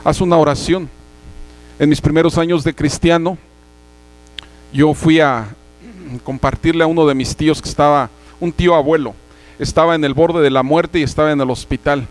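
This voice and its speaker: A young man preaching earnestly, telling a personal testimony and clearing his throat at times. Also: a little high, steady tone, moderate pace, long pauses, poor audio. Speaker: church brother giving a sermon.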